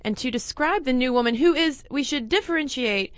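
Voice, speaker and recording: A woman's voice: sits high, animated, a little fast, dry recording, studio quality. A woman co-hosting a casual chat, reading out facts and figures with playful asides. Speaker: podcast co-host.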